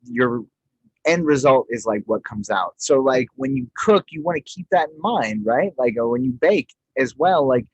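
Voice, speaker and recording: A man's voice: medium pitch, lively intonation, normal speed, slightly rough, no echo. A man riffing earnestly on a podcast, with plenty of filler "likes". His voice has a light husk, and it is recorded close and dry. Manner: rambling, earnest, heavy on "like". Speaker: podcast co-host. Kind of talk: casual podcast banter.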